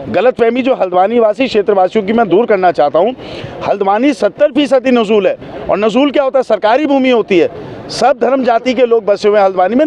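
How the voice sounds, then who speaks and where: A high-voiced man delivers an impassioned political statement outdoors. He is emphatic and repeats phrases for effect. The street recording is muffled. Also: darkish tone.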